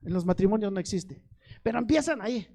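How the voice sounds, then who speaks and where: A man's voice: high voice, expressive, quick pace, gravelly, dark tone. A middle-aged male pastor preaching a sermon, asking the congregation questions and pleading with growing fervor.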